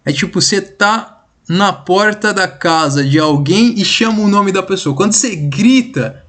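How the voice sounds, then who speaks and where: A Brazilian literature teacher, male, runs a casual online class with a rather high voice and a relaxed, slangy delivery. His Brazilian Portuguese is informal, and he keeps checking in with "beleza?" all the time.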